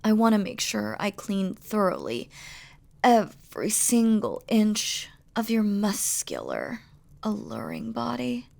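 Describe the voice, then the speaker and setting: Heavily acted and gravelly, a woman's mid-range, slightly mellow voice brings a playful, doting demon queen to life in a romantic audio roleplay. She uses formal, royal phrasing, tender and teasing, in a flirtatious, adoring mood.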